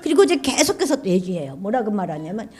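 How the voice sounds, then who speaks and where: A woman pastor preaching a sermon in a church, animated and often asking the congregation questions. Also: mid-range voice, fast, husky. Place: church sanctuary.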